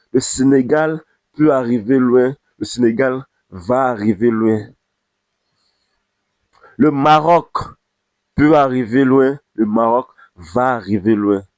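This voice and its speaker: A man's voice: medium pitch, a little mellow, no echo. A man, giving an impassioned football commentary to camera and repeating phrases for emphasis. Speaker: football vlogger.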